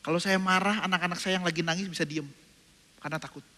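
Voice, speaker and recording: Bright-voiced man preaching in a reverberant church. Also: high voice, fairly even intonation, fast talker. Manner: acts out his own prayers and inner dialogue, switching voices; asks the congregation questions and answers them himself. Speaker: pastor. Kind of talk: sermon. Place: church sanctuary. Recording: reverberant hall with faint music.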